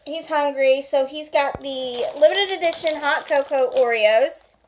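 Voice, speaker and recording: Brisk high-voiced woman interviewer. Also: background noise. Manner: brisk, reading questions, steering the talk. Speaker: vlog host interviewing her husband. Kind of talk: casual home interview. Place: home at night.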